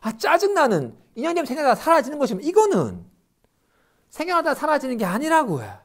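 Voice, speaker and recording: A man, a Buddhist monk, giving a dharma lecture and acting out everyday complaints in quick asides. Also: extremely high pitch, wildly swooping pitch.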